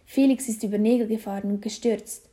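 A woman's voice: mid-range voice, steady tone, a little fast, mellow, lightly acted. A woman voicing a hesitant, sulky young boy in a children's story. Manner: hesitant, hemming.

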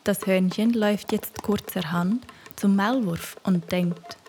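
A woman narrating a rhyming children's storybook in a soft, half-whispered voice. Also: mid-range voice, takes it slowly, a little hiss or hum.

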